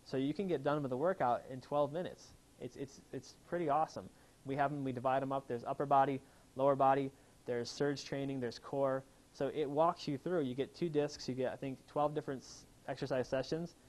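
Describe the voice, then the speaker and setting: A man with a mid-range, darkish voice speaks a little fast in a steady tone. He's a chiropractor running an enthusiastic live health seminar, putting questions to the audience in the room as he goes.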